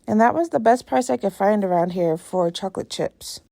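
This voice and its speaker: Her voice is mid-range, gravelly and dark-toned, congested, and delivered at a normal speed. The young American woman is making a casual chat vlog in her home kitchen, talking to herself while she works in a chatty, self-deprecating manner.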